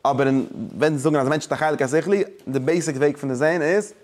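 A man's voice: on the high side, quick pace, darkish tone. A man teaching a religious study lesson, explaining emphatically and often breaking off and restarting, mixing German with English words.

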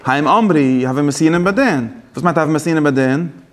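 A man's voice: fairly high pitch, quick pace. A man teaching a Torah class, rambling and correcting himself as he goes, with English and Hebrew terms mixed into his talk. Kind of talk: Yiddish-style Torah class.

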